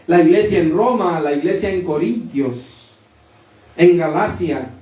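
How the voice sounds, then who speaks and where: Male preacher, high-pitched, storytelling sermon style, distant mic in a roomy church. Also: lively intonation, a little slow, noisy background. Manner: storytelling, with rising emphatic declarations. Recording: echoey room from a distant mic.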